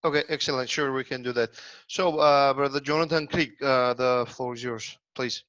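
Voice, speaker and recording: Hesitant male moderator, smooth voice. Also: mid-range voice, steady tone, moderate pace, fairly bright tone. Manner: hesitant, many filler sounds. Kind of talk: chairing an online lecture. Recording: dull, dry lo-fi audio.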